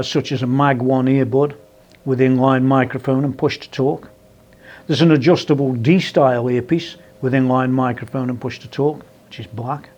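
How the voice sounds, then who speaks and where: A man presenting a product review in a measured, explanatory sales manner, partly scripted and partly off the cuff. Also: mid-range voice, darkish tone.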